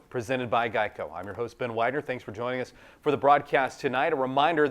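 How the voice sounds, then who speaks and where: A man hosts a college sports radio show in a mid-range voice. He questions the coach and pitches ticket deals with upbeat emphasis. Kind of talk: sports radio host, promotional reads.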